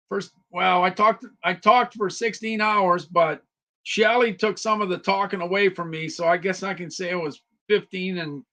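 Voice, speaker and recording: In this casual live product chat, a livestream host runs through deals in a high-sitting, bright, forceful voice that's slightly worn. He keeps repeating phrases, chats freely, and calls out viewers by name.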